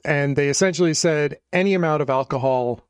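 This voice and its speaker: A man's voice: a little high, fairly quick, clear, resonant tone, dry recording. A man co-hosting a casual talk show, rambling and hedging as he thinks aloud. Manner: rambling, hedging, self-correcting. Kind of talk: casual chat.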